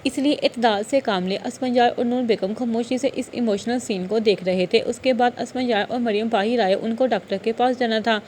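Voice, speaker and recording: A woman's voice: fairly high pitch, hardly any pauses, a little hiss or hum. Woman reading a novel aloud. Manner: steady, storytelling. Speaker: novel reader. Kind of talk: scripted narration.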